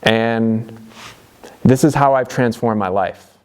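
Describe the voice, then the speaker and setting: A young Canadian DIY vlogger speaks earnestly to camera in a conversational motivational video, full of fillers and restarts. His medium-pitched voice is smooth and darkish and he takes it slowly, though the audio is poor.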